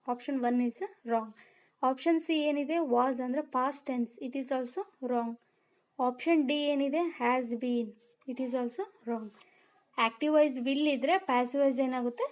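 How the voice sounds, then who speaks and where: Woman, exam-prep grammar teacher; slow, high voice, reads example sentences deliberately. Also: fairly even intonation, a little mellow. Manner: explains step by step and asks rhetorical questions; mixes Kannada with English terms.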